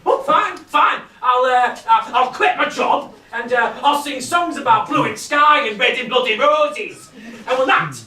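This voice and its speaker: Cast: actor as an embittered old patriarch, blunt and scornful, high bright voice, echoey stage farce, taken from far off. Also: male voice, a little slow, hardly any pauses, exaggerated voice. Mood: ranting. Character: embittered gruff old working-class family patriarch. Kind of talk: amateur stage farce acting. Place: theatre stage.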